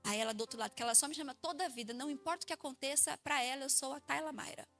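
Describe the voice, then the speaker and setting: A woman in her thirties with a Brazilian Portuguese accent, a pastor preaching a sermon in a church, telling stories with lively acted-out voices. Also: sits high, racing, faint music behind. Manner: lively storytelling, acts out quoted voices.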